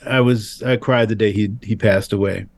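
An older man, a film director as interview guest, telling lively anecdotes and acting out the voices of people he quotes. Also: on the low side, moderate pace, no room sound. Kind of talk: interview storytelling.

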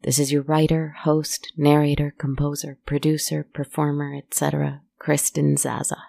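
A woman with a husky, creaky voice, speaking as host of a horror podcast in a measured, intimate scripted address to listeners. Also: deep voice, completely flat delivery, warm tone, dry recording.

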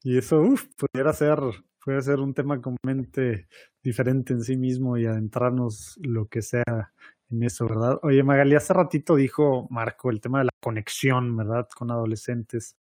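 A man's voice: mid-range voice, fairly even intonation, moderate pace, a little mellow, no room sound. Host, male, Mexican accent, chatty, tag questions, dry studio sound. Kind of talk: conversational podcast interview.

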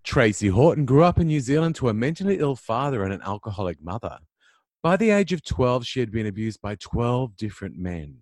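A man's voice: medium pitch, sing-song, fairly quick, darkish tone, dry recording. A man hosting an interview podcast, introducing his guest and responding to her with effusive, affirming remarks. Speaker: podcast host.

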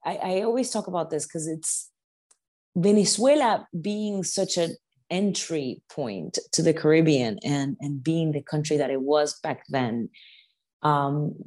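A woman's voice: low voice, unhurried, a little mellow. A middle-aged woman from the United States, talking casually as an interview guest, with many restarts and repeated words.

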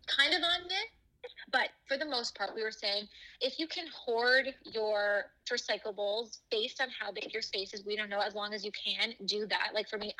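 A woman's voice: mid-range voice, bright, forceful tone, rough recording. A woman chatting casually as a podcast co-host, informal and talkative, her call audio re-recorded through a speaker. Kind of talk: casual chat. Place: remote call from home, picked up from phone speaker.

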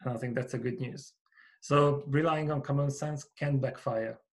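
Speaking at a normal speed in a steady, mid-range voice, a man from Hungary with a Hungarian accent guests on a podcast interview. He founded a company and works as a coach, and his earnest phrases tend to fade out at the ends.

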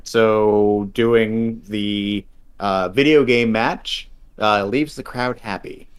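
A man's voice: fairly low pitch, fairly even intonation, drawn-out words, smooth. A man co-hosting a podcast in casual chat, rambling with lots of fillers and dry jokes. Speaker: podcast co-host.

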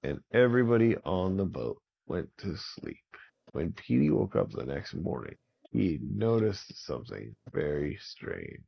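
A man telling a children's pirate story in a relaxed, improvised way, often repeating words for effect. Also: deep voice, measured pace, creaky, slightly rough, highs cut off.

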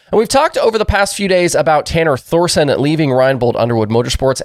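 A man with a congested voice hosting a daily racing news show, delivering items in a brisk, informal way on a new microphone. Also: mid-range voice, vocal fry, dry recording, studio quality. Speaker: host.

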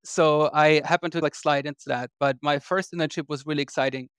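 Measured male guest from Austria, smooth voice, dry close recording. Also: a little high, steady tone, fairly bright tone, no echo. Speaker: guest investor. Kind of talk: podcast interview.

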